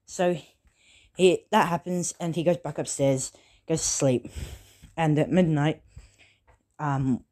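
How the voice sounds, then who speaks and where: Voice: mid-range voice, slow pace, pauses often, darkish tone. A storyteller retelling a fan story casually, full of fillers and self-corrections.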